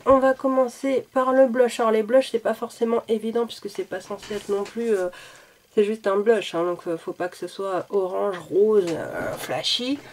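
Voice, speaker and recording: A woman's voice: medium pitch, normal speed, a little mellow, a little hiss or hum. A woman reviewing makeup in a chatty, self-deprecating way, a little sick and coughing now and then. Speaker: beauty vlogger.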